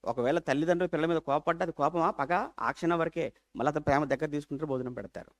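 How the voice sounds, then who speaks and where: High-voiced, fast-talking Telugu preacher. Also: male voice. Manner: animated preaching, rhetorical questions, swings from loud to hushed. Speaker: pastor. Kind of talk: sermon.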